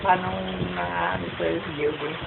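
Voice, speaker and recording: A woman's voice: lowish voice, steady tone, normal speed, vocal fry. An older woman, a grandmother, chatting casually with family, answering questions with playful teasing and often repeating them back. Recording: tinny phone-like audio with loud noise.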